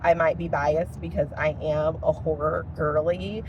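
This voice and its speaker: A young woman talks in a relaxed, gushing vlog style, pausing often on "um." Her voice sits unusually low for a woman, with a faint background hiss. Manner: enthusiastic, chatty, with frequent "um" pauses. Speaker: vlogger reviewing a TV series. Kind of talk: casual chat.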